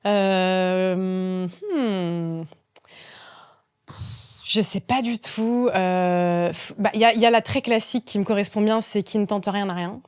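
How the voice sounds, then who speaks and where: A woman in her thirties, a radio host, chatting in a lively interview with frequent laughs and restarts. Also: mid-range voice, slow, clean tone. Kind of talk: casual interview chat.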